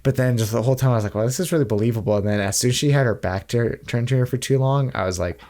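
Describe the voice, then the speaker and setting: A man's voice: medium pitch, very fast, darkish tone. A man co-hosting a podcast, chatting casually in a rambling way with dry jokes. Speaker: podcast co-host. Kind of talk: casual chat.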